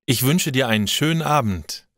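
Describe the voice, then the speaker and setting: A man's voice: mid-range voice, expressive, moderate pace, a bit bright, no room sound, studio quality. A man voicing a weary young nurse. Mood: tired, polite. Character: tired young female nurse.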